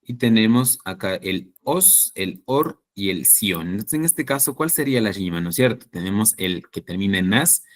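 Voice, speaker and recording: An Ecuadorian man lecturing to a class in a fairly low voice. He explains patiently and keeps checking that the students follow. He corrects himself as he goes. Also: expressive, normal speed, few pauses. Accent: Ecuadorian Spanish. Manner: explanatory, with frequent checking questions and self-corrections. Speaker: teacher.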